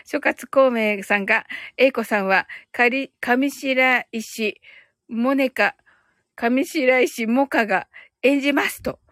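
A woman's voice: fairly high pitch, takes it slowly, fairly bright tone, no room sound, studio quality. A woman hosting a casual live audio stream, reading out listener comments and reacting with giggles and delight.

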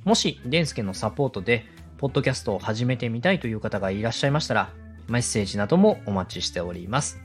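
With music playing behind him, a man who is a podcast host and radio director speaks in a coach's polite, encouraging manner. His medium-pitched voice is expressive and quick-paced.

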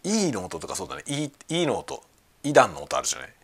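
A man hosting a casual podcast chat, talking excitedly at home while he cooks and eats lunch. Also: lowish voice, racing, slightly rough. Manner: excited, talkative. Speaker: podcast host. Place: at home, cooking and eating lunch.

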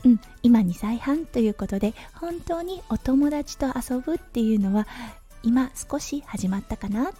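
A woman in her thirties hosting her own talk podcast, telling stories in a gentle, chatty way with soft fillers. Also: a little high, lively intonation, unhurried, slightly rough, soft background music. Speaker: podcast host. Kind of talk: casual solo talk radio.

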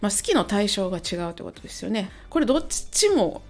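A woman's voice: medium pitch, very animated, quick pace, soft background music. A hungover woman in a casual solo chat to her listeners, talking as a host in a hesitant, rambling way as she thinks aloud. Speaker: host, amateur-facing musician and songwriter.

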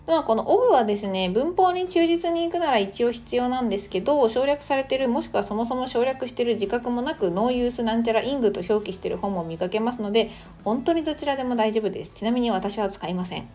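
A woman's voice: a little high, mellow. Chatty woman teaching English phrases. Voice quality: chatty, explanatory, mixes in slow careful English phrases. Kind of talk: casual podcast lesson. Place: Australia.

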